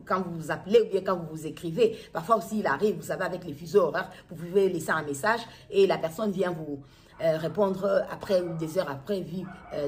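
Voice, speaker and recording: Speaking on the low side, a middle-aged Kinshasa woman from the Democratic Republic of the Congo, with a Congolese accent, records a public appeal video as a mother. Her unscripted testimony to camera is halting and repetitive, circling back to restate her phrases.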